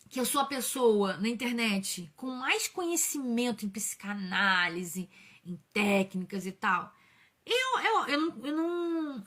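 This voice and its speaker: Chatty high-voiced Brazilian woman host. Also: a bit bright. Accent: Brazilian Portuguese. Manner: chatty, blunt, mixes slang and mild swearing. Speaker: channel host. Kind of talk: casual explainer talk to viewers.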